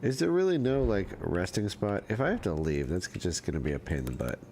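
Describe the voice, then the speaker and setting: A man giving casual commentary while playing a fantasy role-playing game, thinking aloud in a relaxed, offhand way. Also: low-pitched, fairly quick, faint music behind.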